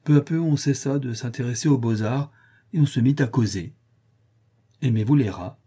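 A man reading a novel aloud in a measured, steady audiobook narration. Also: medium pitch, slightly rough.

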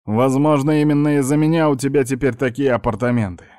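A man reading an audiobook, voicing a sly middle-aged uncle who talks in a slow, drawn-out, mocking way. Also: medium pitch, fairly even intonation, a little mellow, no echo, studio quality, voice pushed up, lightly acted. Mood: pleading. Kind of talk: audiobook character voice.

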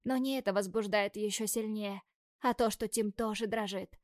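A woman narrates a first-person audiobook with lively, expressive delivery and breathy whispers. Her voice sits in a middle pitch. The recording is dry, with no room sound. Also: normal speed, dry recording.

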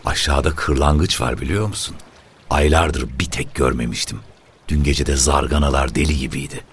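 A man's voice: very deep voice, moderate pace, a little hiss or hum. A man voicing a male deckhand who rambles on wistfully. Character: talkative male deckhand, wistful about the sea. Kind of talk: audiobook character voice.

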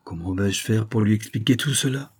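A man reading aloud voicing an irritable, bossy woman in a shrill, scolding manner. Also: normal speed, husky, no echo. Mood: mocking.

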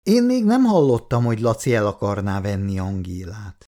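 A man voicing a calm older father who gently reproves his wife and tries to ease tension. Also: lowish voice, lightly acted.

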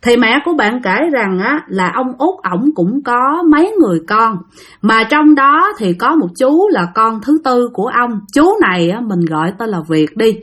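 A woman's voice: a little high, lively intonation, moderate pace, fairly bright tone, slightly rough. Chatty Southern Vietnamese woman storyteller. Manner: chatty, stretches phrases with trailing "á". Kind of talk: conversational ghost-story narration.

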